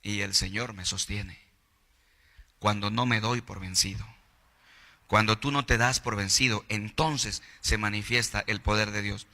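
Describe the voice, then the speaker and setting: A Mexican pastor preaches with animated energy and acts out the voices of the figures in his stories. His tone is very bright and sharp. The sermon rings out with a long reverb in a church hall. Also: fairly low pitch, a little slow. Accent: Mexican Spanish.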